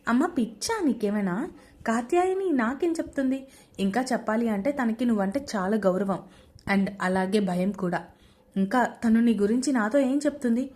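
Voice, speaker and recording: A woman's voice: fairly high pitch, lively intonation, moderate pace, darkish tone, close to an everyday voice. A woman voicing a young husband who pleads and reasons between his wife and his mother. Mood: pleading.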